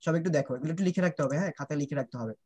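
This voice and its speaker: Quick-talking man teaching a kids' class. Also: a little high, warm tone. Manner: drills sounds, checks often if students understand; mixes Bengali and English. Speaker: English teacher. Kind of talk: online class for children.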